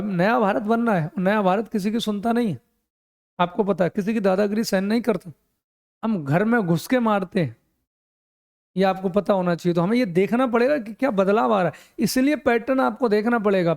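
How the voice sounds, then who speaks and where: High, gravelly-voiced male coaching teacher. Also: a little mellow. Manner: explains in Hindi mixed with English terms, often asks and answers himself. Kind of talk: exam coaching lecture.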